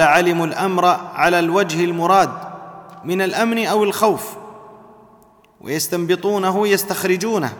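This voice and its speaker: A man delivering a religious lesson with a high-pitched voice. He talks in a measured, emphatic way and leans on repeated key words. His voice trails off into a long, echoing reverb. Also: fairly bright tone. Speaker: Islamic preacher.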